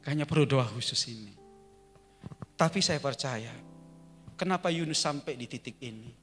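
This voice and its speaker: A man's voice: medium pitch, lively intonation, normal speed, faint music behind. A male pastor preaching in a church, telling the story with humor and asking the congregation questions. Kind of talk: sermon. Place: church sanctuary.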